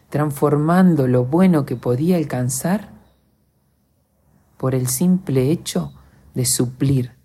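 An Argentine man speaks in a reflective podcast monologue, earnest and confessional as he addresses his listeners directly. His voice is mellow and dark in tone, with a slightly husky grain. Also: mid-range voice. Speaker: podcast host.

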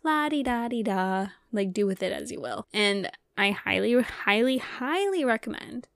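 A woman's voice: mid-range voice, expressive, moderate pace, gravelly, a bit bright, no room sound, clean studio sound. A woman hosting a solo podcast in a casual, chatty way, often saying "like" and acting out imagined thoughts. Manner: chatty, frequent "like", voices imagined thoughts in quotes. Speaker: podcast host.

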